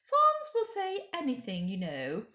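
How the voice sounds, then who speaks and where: Woman playing storybook witch queen, high swooping voice, slow coaxing grandeur, falsely sweet, echoey room. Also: wildly swooping pitch, bright, forceful tone, exaggerated voice. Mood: coaxing, sly. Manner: drawn-out, grand, coaxing delivery. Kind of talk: storybook character reading.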